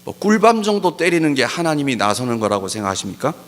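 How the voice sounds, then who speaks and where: A man preaching a sermon as pastor, pressing his points with emphatic rhetorical questions and slowing down to stress key words. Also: medium pitch, sing-song, fairly bright tone. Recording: long hall reverb.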